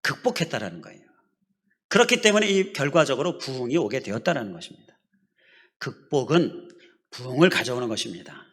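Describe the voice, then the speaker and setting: A man's voice: mid-range voice, sing-song, a little fast, pauses often, a bit bright, breathy edge. A middle-aged man preaching a sermon as pastor, explaining scripture step by step and asking the congregation questions. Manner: leads the congregation in repeating phrases.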